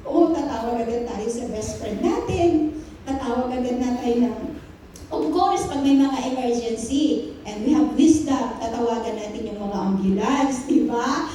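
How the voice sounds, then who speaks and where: A Filipina woman pastor delivers an animated sermon, switching between Tagalog and English. Her voice sits high and mellow, and she takes her time. The sound is heavily echoey, picked up from a distance in a church hall. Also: unhurried, slight background noise. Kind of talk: Taglish sermon.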